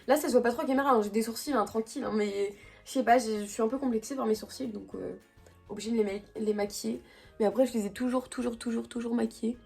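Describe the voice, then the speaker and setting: Young woman, slightly high voice, rambling slangy makeup chat, camera mic at home, faint music behind. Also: fairly even intonation, quick pace, vocal fry, warm tone. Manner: chatty, slangy, rambling with many fillers and restarts. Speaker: beauty vlogger. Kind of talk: casual makeup vlog chat.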